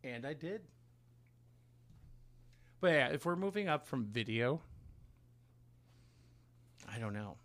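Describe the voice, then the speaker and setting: With big swings in pitch around a medium register, this man's slightly bright voice is recorded with no room sound. As a podcast co-host in casual conversation, he rambles, halts, interrupts himself and swears casually.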